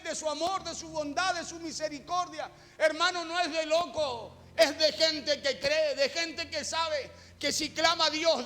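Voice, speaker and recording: High, bright-voiced fervent male preacher. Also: long reverb tail. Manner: fervent, repeats phrases and calls on listeners to hear him. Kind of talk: sermon. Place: church.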